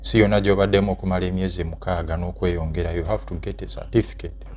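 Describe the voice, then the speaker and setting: A man from Uganda speaks with a Ugandan English accent and a very deep voice. He explains things plainly in a casual chat, with "uh" fillers and quick "yeah"s. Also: level tone, a little mellow. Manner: explains steps plainly, with fillers and short affirmations. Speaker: channel co-host.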